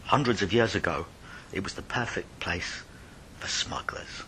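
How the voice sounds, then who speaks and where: In a low whisper, a man recites a ghost story in verse with theatrical flair, moving between hushed and emphatic phrases and pausing for dramatic effect. The audio quality is poor.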